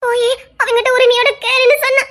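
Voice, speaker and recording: A woman's voice: very high-pitched, level tone, fast, fairly bright tone. A woman playing a heartbroken, stubborn young woman who pleads and reproaches her lover through tears. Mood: tearful. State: crying. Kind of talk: screen drama acting.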